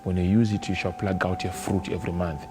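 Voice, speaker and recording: Deep flat-voiced preacher speaking slowly. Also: male voice. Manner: measured, hesitant with fillers. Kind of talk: slow personal testimony. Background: music.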